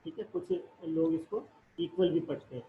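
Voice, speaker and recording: A man's voice: on the high side, normal speed. A man teaching a math class, explaining step by step and asking and answering his own questions. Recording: echoey room, dull lo-fi audio, faint noise.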